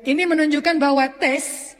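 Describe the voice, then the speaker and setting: A male Islamic preacher giving a relaxed, humorous sermon, acting out everyday examples. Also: very high-pitched, normal speed. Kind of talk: casual conversational sermon. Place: lecture hall or mosque hall. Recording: long hall reverb.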